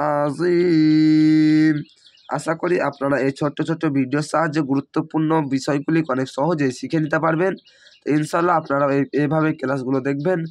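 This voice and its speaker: Hoarse man spelling out recitation. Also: fairly high pitch. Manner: spells out letters and vowel marks syllable by syllable, patient. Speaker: Quran reading teacher.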